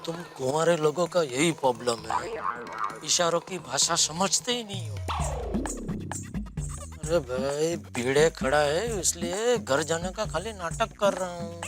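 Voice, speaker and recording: An actor playing an anxious middle-aged businessman in a TV sitcom, excitable and flustered, always pleading or hushing. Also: sits high, normal speed, music in the background. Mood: secretive. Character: jumpy, anxious middle-aged shopkeeper, comically secretive. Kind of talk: TV sitcom acting.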